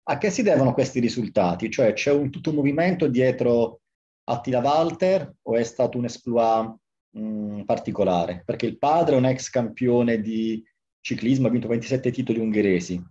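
A man's voice: lowish voice, measured pace, mellow. A man in his forties with an Italian accent, interviewing a guest conversationally over a video call from home. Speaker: interviewer, host. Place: book-lined room at home, on a video call. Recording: dull, lo-fi video-call audio.

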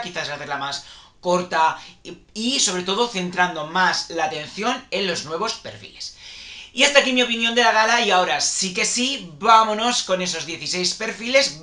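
Male vlogger, bright and sharp tone, talky and opinionated. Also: high voice. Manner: chatty, opinionated, reassuring the viewers. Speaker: music channel host. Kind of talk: casual opinion commentary. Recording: echoey room.

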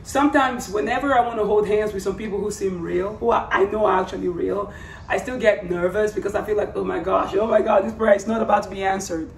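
Female vlogger, casual testimony style, croaky voice giving out, roomy sound with faint noise behind. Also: medium pitch, steady tone, fast talker. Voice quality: hoarse, creaky voice giving out. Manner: earnest, rambling, repeats phrases for emphasis. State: hoarse, losing her voice. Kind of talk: casual personal testimony vlog. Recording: roomy, distant mic, faint background noise.

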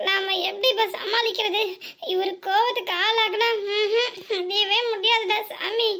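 A woman's voice: very high voice, fairly even intonation, measured pace, bright, forceful tone, full character voice. A woman voicing a nervous young village daughter-in-law with a southern Tamil Nadu accent, muttering worried asides to herself.

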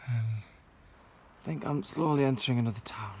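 A man's voice: medium pitch, slight background noise. A man narrating his mountain trek vlog in a casual, rambling, self-deprecating way, recorded outdoors on a handheld camera. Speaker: trekking vlogger.

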